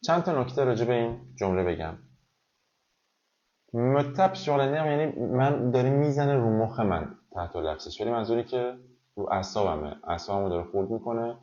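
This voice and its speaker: A Persian-speaking man teaching French in a live online lesson, saying example phrases slowly and repeating them, then explaining quickly. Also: mid-range voice, expressive, mellow, muffled recording. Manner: switches between slow, carefully spaced French and rapid Persian explanation.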